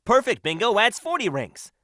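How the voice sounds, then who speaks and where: A man voicing a cocky, upbeat young hedgehog hero in a video game, brash, energetic and confident. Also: high voice, normal speed, no room sound, studio quality, full character voice. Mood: explaining.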